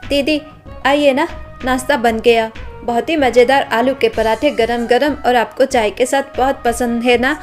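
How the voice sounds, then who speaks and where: A woman doing a meek, gentle young woman. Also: on the high side, fairly even intonation, unhurried, faint music behind, lightly acted. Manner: polite, gentle, soft-spoken. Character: meek, humble young woman, maid's daughter.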